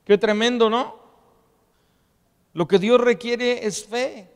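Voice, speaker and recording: A man's voice: very high voice, steady tone, takes it slowly, clear, resonant tone. A man preaching a sermon to his congregation, reading scripture aloud and asking them to repeat phrases after him. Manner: call-and-response preaching, asks congregation to repeat. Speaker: pastor. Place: church hall. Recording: long reverb in a church hall.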